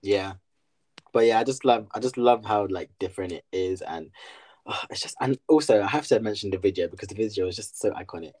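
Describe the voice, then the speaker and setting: A man's voice: fairly low pitch, brisk, a little mellow, breathy edge. A man co-hosting a podcast in casual chat, gushing with enthusiasm. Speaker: podcast co-host.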